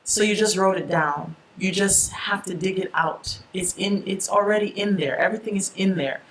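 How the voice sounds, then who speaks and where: A woman of Jamaican roots, a poet and writer, talking in a relaxed, chatty way in an interview, laughing often and restarting her sentences. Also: medium pitch, moderate pace, a little hiss or hum, low-quality recording. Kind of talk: relaxed interview talk with a poetry reading.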